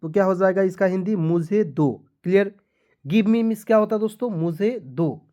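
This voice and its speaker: Warm-toned and fairly high, this English teacher speaks at a normal pace through a lesson for beginners. He patiently repeats explanations, answers the questions he poses, and spells words letter by letter.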